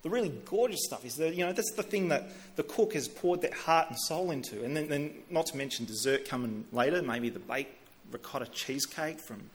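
Middle-aged male preacher, relaxed conversational sermon delivery, voice a touch higher than usual, frequent restarts. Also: brisk. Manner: conversational, repeats words when starting sentences. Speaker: pastor.

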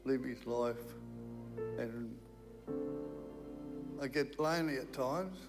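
A man in his seventies speaks very slowly in a video interview. His words are plain and candid. Guitar music plays loudly behind him. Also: mid-range voice. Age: 70s. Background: loud guitar music.

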